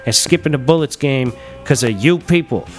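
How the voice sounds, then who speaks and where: A man's voice: mid-range voice, normal speed, loud music behind the voice. A man co-hosting a podcast, chatting casually with a profane, mock-exasperated rant. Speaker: podcast co-host. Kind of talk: casual chat.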